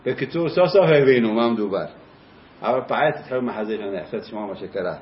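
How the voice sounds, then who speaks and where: A man, a teacher, telling a personal story in a lively first-person way, briefly acting out the voices of the people in it. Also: on the low side, a little hiss or hum. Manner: lively, acts out voices in his anecdote. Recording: roomy, dull lo-fi sound.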